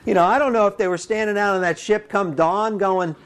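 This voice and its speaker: A man preaching a sermon, animated and folksy, acting out little voices and dialogue as he speaks. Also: high voice, fairly quick, slight background noise. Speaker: pastor.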